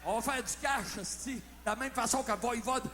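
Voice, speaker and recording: A man with a Quebec French accent doing loud, swearing, mock-serious comedic banter between songs at a live concert. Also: very high-pitched, normal speed, in a large hall, faint music behind. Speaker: singer and frontman. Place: concert venue stage.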